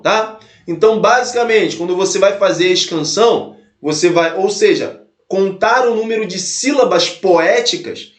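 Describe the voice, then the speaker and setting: High-voiced man teaching in an echoey room. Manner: explains step by step, repeats points, checks in with "tá?". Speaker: Portuguese teacher. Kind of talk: exam-prep lesson.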